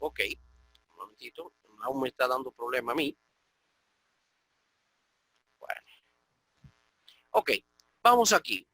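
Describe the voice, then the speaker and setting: Bright-voiced male Greek teacher. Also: medium pitch, very animated, takes it slowly, long pauses, husky, no room sound, rough recording. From Dominican Republic. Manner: patient, explanatory, often checks with "ok?". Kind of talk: online class lecture. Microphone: computer mic on an online call.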